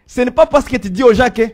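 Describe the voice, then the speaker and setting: A man preaching a sermon, swinging from loud proclaiming to low murmurs.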